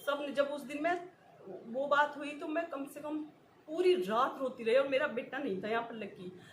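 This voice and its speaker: A woman's voice: sits high, moderate pace. Woman, 40s, emotional vlog, repeats herself, nervous laughter, faint background hum. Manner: talks in short repeated phrases, often breaking into nervous laughs. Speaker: vlogger. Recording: echoey room with faint ambient noise.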